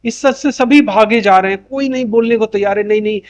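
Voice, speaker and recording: A man's voice: very high-pitched, fairly quick. A man giving an opinion monologue to camera, insistent and full of rhetorical questions. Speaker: YouTube commentator.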